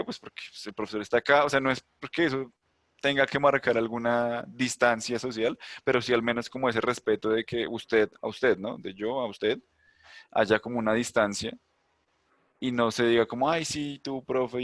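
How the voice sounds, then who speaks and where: A man's voice: medium pitch, no room sound. A man teaching an online English class, explaining chattily with asides and rhetorical questions.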